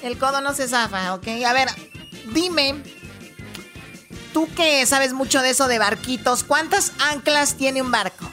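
Bossy high-voiced woman playing a teacher. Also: measured pace. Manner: bossy and teasing, exclamatory. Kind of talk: sketch comedy. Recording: loud music behind.

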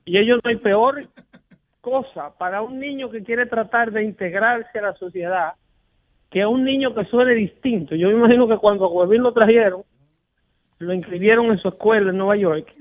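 A man's voice: sits high, normal speed, dry recording. A man hosting a radio talk show, arguing emphatically and mimicking callers in quoted voices. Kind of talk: animated radio debate. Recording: dry, phone-like broadcast audio.

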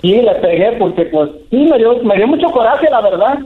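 A man's voice: extremely high pitch, animated, moderate pace. A man with a Mexican accent telling his story hesitantly on a phone call, filling his talk with "pues" and "¿verdad?". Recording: tinny phone line.

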